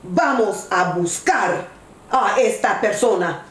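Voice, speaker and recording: A woman voicing a big papa bear who shouts his lines while reading a children's storybook aloud. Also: medium pitch, animated, slow pace, voice pushed down. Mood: indignant. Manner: loud exclaiming. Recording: echoey room.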